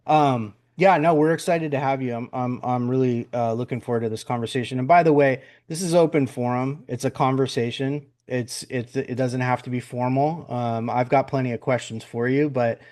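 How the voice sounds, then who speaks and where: A man hosting a podcast, speaking in a middle-pitched voice. He talks in a loose, rambling way, with lots of fillers and restarts, like a friendly open chat. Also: steady tone, normal speed, hardly any pauses, darkish tone. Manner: rambling, repeats words, many fillers. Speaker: podcast host. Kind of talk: casual interview chat.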